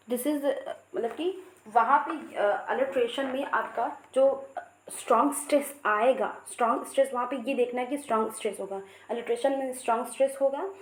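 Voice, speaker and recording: Woman teaching in an echoey room. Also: fairly high pitch. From India. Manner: repetitive, drills key points, reads English definitions and poem lines slowly. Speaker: English literature teacher. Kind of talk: exam-prep lecture in Hindi mixed with English. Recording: echoey room with faint background noise.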